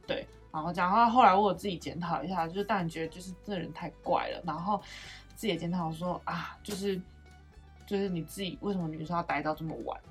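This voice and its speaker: A young woman co-hosting a casual chat, retelling a story with animated, swearing quotes. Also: fairly low pitch, fast talker, faint music behind. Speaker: podcast co-host.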